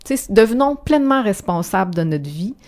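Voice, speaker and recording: A woman's voice: mid-range voice, expressive, fairly quick, a little mellow. A woman with a Québécois accent, an author talking reflectively in a radio interview, often restarting her sentences. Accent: Québécois French. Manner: reflective, with frequent restarts and fillers. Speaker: author guest.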